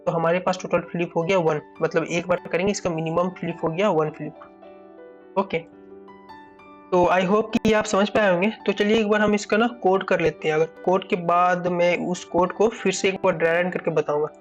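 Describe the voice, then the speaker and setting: A man's voice: high voice, fairly even intonation, normal speed, soft background music. Man explaining code step by step, muffled audio. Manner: thinks aloud, often repeats "ठीक है" and restarts phrases. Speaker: coding tutor.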